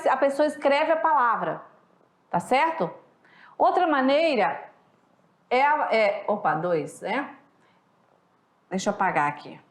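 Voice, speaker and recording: Give me a chatty Brazilian woman teaching a lesson, high-pitched, recorded in an echoey room. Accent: Brazilian Portuguese. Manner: chatty, keeps checking in with the class. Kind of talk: recorded online class lecture.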